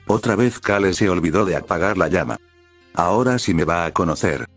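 A man voicing a hot-tempered, protective older sister who scolds and shouts. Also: deep voice, lively intonation, fairly quick, soft background music. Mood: angry.

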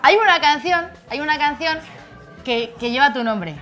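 A woman with a Spanish accent, a pharmacist guest, joking around and breaking into slow improvised songs. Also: high-pitched, lively intonation, sharp tone, faint music behind. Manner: jokey, teasing, sings slowly in a mock tune. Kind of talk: playful chat with improvised singing.

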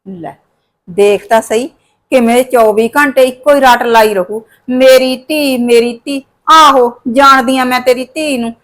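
Woman acting as a grumbling village mother-in-law, high voice, nagging. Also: unhurried, a bit bright. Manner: nagging, complaining, grumbles to herself. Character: scolding middle-aged village mother-in-law. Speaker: actor in a short village drama. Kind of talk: scripted village short film acting.

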